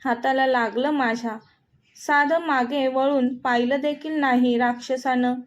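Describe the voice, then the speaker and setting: A woman's voice: sits high, steady tone, a little slow, highs cut off. A woman reading a story aloud, voicing a tearful young wife who complains bitterly about her husband.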